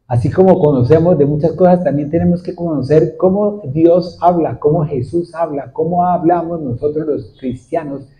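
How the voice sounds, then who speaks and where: A male pastor delivers a sermon in a repetitive preaching cadence and keeps asking his congregation questions. His voice sits a little high yet sounds very dark and mellow. The recording is dull and lo-fi. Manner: asks the congregation frequent questions. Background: seated congregation.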